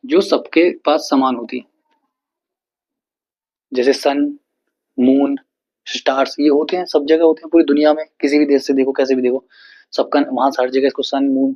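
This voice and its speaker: Man teaching grammar slowly, lo-fi. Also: medium pitch, darkish tone. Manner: slow, repetitive explaining with frequent checks. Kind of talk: explaining an English grammar lesson. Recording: dull lo-fi recording.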